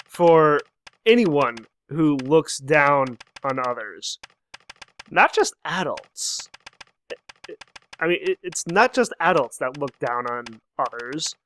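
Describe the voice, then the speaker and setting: A young man talks his way slowly through a story game, thinking out loud and laughing at the funny bits. His voice sits a little high for a man, with faint noise under it. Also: lively intonation. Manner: reflective, chuckles often, reads game dialogue aloud. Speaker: let's play host. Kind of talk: casual gameplay commentary.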